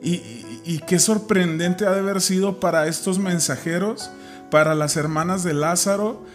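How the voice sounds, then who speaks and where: A man's voice: sits high, moderate pace, soft background music. A man casually discussing a Bible story, retelling scripture with many fillers and restarts.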